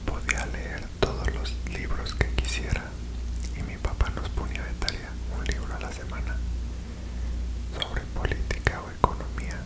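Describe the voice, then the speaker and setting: Woman in a breathy, unvoiced ASMR whisper. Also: normal speed, rough recording. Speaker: ASMR reader. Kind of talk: whispered ASMR reading of a novel in Spanish.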